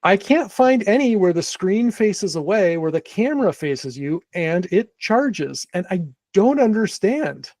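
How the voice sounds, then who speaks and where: Gravelly higher-voiced male podcast host. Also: sing-song, unhurried, hardly any pauses, a little mellow, dry recording. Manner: rambling, many restarts and fillers. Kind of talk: casual chat.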